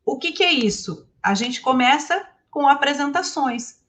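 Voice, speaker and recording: A woman from Brazil whose first language is Portuguese, giving a lively talk as an English teacher and asking her audience questions. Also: high-pitched, unhurried. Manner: animated, asks the audience questions.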